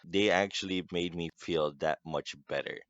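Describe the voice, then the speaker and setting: A young man with a deep, resonant morning voice, chatting as a podcast guest, animated and quick to laugh. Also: clean tone, dry recording. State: just-woken morning voice. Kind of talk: casual podcast chat. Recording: slightly dull dry recording.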